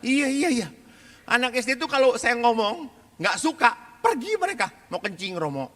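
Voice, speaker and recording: Animated, bright-voiced male priest in a hall. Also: extremely high pitch, fairly quick. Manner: animated storyteller, acts out quoted voices. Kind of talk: lively seminar talk. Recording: reverberant hall.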